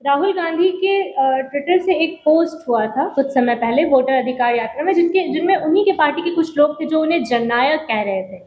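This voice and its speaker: A woman anchoring a news interview, asking questions in a brisk, formal way. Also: high voice, expressive, reverberant, dull audio, slight background noise.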